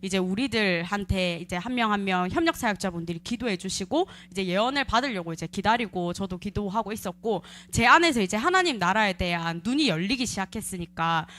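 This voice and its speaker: A young adult woman sharing a personal testimony at a church service, telling her story in an animated way with lots of fillers. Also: medium pitch, fairly quick, hardly any pauses. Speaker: church member giving testimony.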